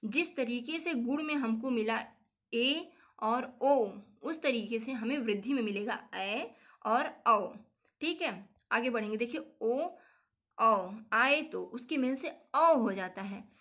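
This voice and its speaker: A woman's voice: a little high, expressive, unhurried, a bit bright. A young woman teaching a grammar lesson for exam preparation, repeating the key points and calling her viewers friends.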